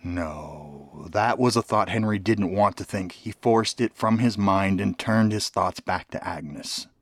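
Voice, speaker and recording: A man reading a story aloud as dramatic audiobook narration, often dropping to a hushed near whisper. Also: sits low, measured pace, no room sound.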